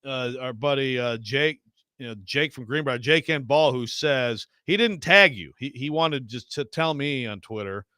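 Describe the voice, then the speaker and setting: A man's voice: medium pitch, lively intonation, moderate pace, pushed and bright, smooth, no echo, clean studio sound. A man hosting casual sports talk radio, wordy and often interrupting himself.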